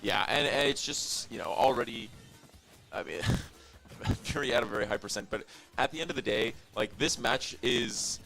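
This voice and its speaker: A young man giving fast, analytical play-by-play commentary on an esports match, shouting on big plays. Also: medium pitch, gravelly, faint music behind.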